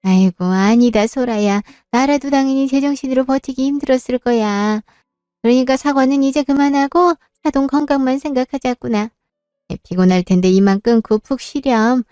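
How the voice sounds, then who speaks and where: Woman as gentle older mother-in-law, high and soothing, audio drama. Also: smooth, no room sound, studio quality, close to an everyday voice. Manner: fond, soothing, motherly advice.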